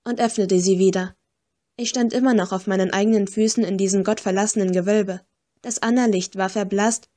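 Woman reading a story in first person, dark mellow tone, steady. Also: mid-range voice. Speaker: audiobook narrator. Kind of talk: scripted first-person narration.

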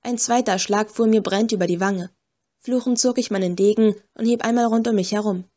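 A woman reading a first-person audiobook story in a measured, tense storytelling manner. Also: mid-range voice, steady tone, dark tone. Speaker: audiobook narrator. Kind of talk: first-person scripted narration.

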